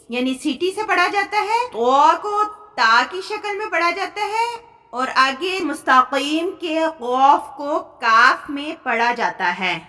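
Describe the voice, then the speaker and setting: A woman with a Pakistani Urdu accent teaching Quran recitation in a recorded lesson, explaining common mistakes and slowing into drawn-out recited examples. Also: sits high, sharp tone.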